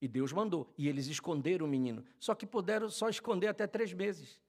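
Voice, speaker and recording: An older Brazilian man preaching a sermon as a pastor, fervent, swinging from loud shouted calls to quiet storytelling. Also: sits high, brisk. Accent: Brazilian Portuguese. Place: church.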